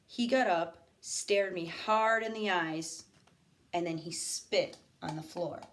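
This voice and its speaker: A woman teacher reading a novel aloud to her students, expressive, pausing for asides to the class. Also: on the low side, slight background noise.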